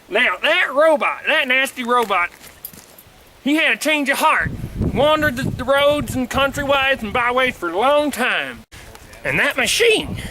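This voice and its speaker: An actor playing an old, boastful gold prospector who rambles in a folksy drawl. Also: male voice, very high-pitched, sharp tone, a little hiss or hum, exaggerated voice. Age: older.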